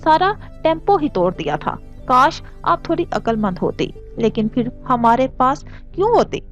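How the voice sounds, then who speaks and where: A mischievous young man needles his friend with playful jokes, as a woman puts him on. His tone is light and teasing, with a fairly high edge to it. This is a storybook audio drama with faint music underneath. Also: sing-song, moderate pace, muffled recording.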